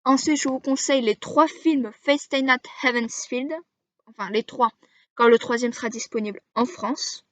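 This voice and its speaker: A woman casually explaining to camera as an anime video creator, halting and pausing often as she works through a list. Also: a little high, fairly even intonation, a bit bright, no room sound. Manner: halting, frequent hesitations while listing titles. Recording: dull lo-fi dry recording.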